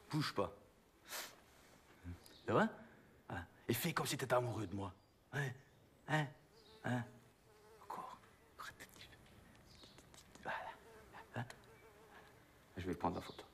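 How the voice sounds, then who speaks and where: A man's voice: medium pitch, background noise. An actor playing a pushy, patronizing male glamour photographer in a film comedy, with a Belgian French accent and a habit of adding "hein" to his sentences. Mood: coaxing. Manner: bossy, patronizing, tacks "hein" onto sentences.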